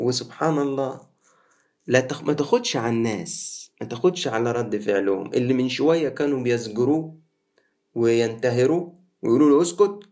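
An Egyptian priest delivers a sermon, talking to his congregation as if in conversation. His voice sits at an ordinary middle pitch for a man. He slips from everyday phrasing into formal, scriptural wording and back again. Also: fairly quick, a little mellow. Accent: Egyptian Arabic. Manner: conversational preaching, switching between colloquial and formal Arabic. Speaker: Coptic Orthodox priest.

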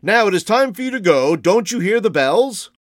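A man's voice: high voice, big pitch swings, normal speed, dry recording, clean studio sound, pitched above the performer's own voice. A man voicing a beaming little old male toy maker, cheerful and coaxing, in a storybook reading. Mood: jolly.

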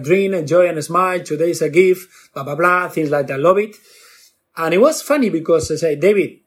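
Animated man telling stories. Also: husky. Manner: acts out quotes with jumps in pitch, non-native grammar. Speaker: guest bartender. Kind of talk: animated storytelling.

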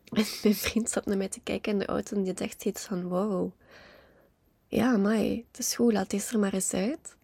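Husky reflective Flemish woman. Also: medium pitch, no echo. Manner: reflective, candid, many asides and soft trailing words. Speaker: podcast host. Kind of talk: personal storytelling monologue.

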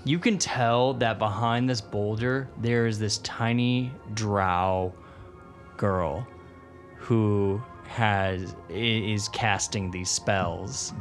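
A man's voice: lowish voice, extremely slow, soft background music. A man narrating a tabletop game as game master, improvising as he goes.

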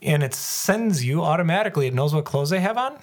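A man co-hosting a podcast in casual chat, cracking deadpan jokes and teasing his partner. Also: fairly high pitch, fairly quick. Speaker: podcast co-host.

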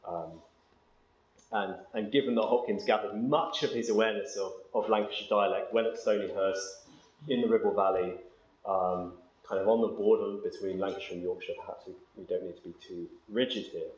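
A man giving an academic lecture, hesitating with ums and reading verse slowly and with care. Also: on the low side, fairly even intonation, reverberant, rough recording. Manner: slow, measured reading of verse, then brisk explanation with ums.

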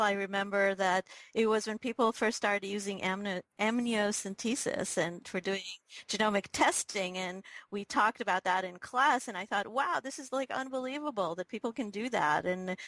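A middle-aged woman from Israel, a neurobiology professor, answering interview questions thoughtfully with many pauses and restarts. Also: medium pitch, fairly bright tone, dry recording, poor audio. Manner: thoughtful, lots of ums and restarts.

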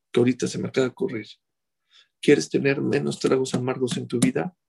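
Husky-voiced man preaching with rhetorical questions. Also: mid-range voice, darkish tone. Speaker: rabbi. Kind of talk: sermon.

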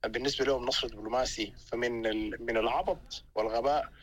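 A man from Sudan with a Sudanese accent giving spontaneous political analysis as an interview guest, often halting and repeating words as he searches for phrasing. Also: mid-range voice, fairly even intonation, fairly bright tone, poor audio.

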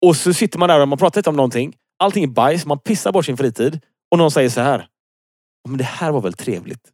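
A man's voice: a little high, animated, darkish tone, no room sound, clean studio sound. A man co-hosting a casual rant podcast, teasing his partner, cutting in and swearing freely. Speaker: podcast co-host.

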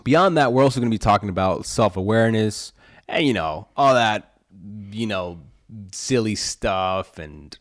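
A man from Colombia co-hosting a podcast in casual chat, relaxed and full of "you know" fillers. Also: lowish voice, normal speed, dry recording, studio quality. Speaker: podcast co-host.

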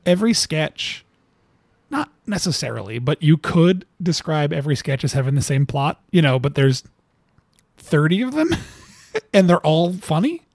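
Gravelly man rambling through a casual chat. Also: fairly high pitch, sing-song, normal speed, a little mellow, no room sound. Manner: rambling, lots of fillers, laughs at own stories. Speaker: cartoonist guest.

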